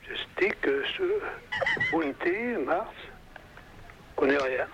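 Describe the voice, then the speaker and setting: A man answering a prank call over a landline phone, puzzled and flatly denying he knows the callers. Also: a little high, extremely slow, highs cut off, background noise. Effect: heard over a landline phone. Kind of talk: phone conversation.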